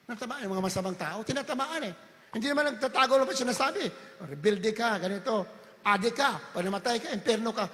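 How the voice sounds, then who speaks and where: A male preacher giving a fervent sermon, often rising to shouts and mixing Tagalog with English. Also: extremely high pitch, expressive, fast. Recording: long hall reverb.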